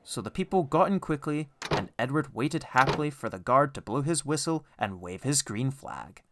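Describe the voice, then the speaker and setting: Expressive man narrating a children's story. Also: mid-range voice, moderate pace, noisy background. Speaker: audiobook narrator.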